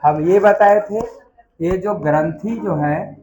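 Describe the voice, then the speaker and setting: A man's voice: high-pitched, takes it slowly, a little mellow, poor audio. A man teaching a biology class, quizzing students and repeating key terms in a call-and-response style.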